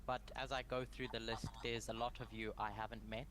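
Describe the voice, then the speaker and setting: A young man from Zimbabwe leading a prayer and a Bible study, speaking in short measured phrases with pauses for an interpreter. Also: medium pitch, flat delivery, fairly bright tone, slight background noise. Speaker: guest Bible study presenter.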